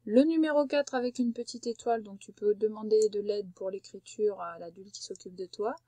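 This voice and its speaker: A woman teacher leading a recorded spelling dictation for a young child, saying each syllable slowly and carefully and giving gentle step-by-step instructions. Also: medium pitch, no echo. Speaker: primary school teacher.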